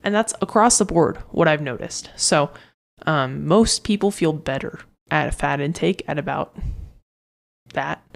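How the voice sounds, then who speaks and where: This woman hosts her own fitness podcast as a coach, and her voice sits low, creaky and unhurried. Talking solo and casually, she rambles with plenty of fillers and restarts.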